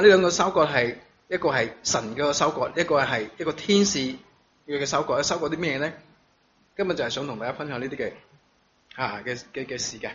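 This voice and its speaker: A man preaching a sermon, reading scripture in a measured way and using halting fillers when he speaks freely, at a church service that is also streamed online. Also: on the high side, fairly bright tone. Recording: dull lo-fi recording with congregation noise.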